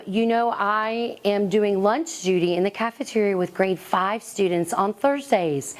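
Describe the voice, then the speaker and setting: A woman teacher answering a student reporter's question, explaining earnestly in a school news broadcast. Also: mid-range voice. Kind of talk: interview answer.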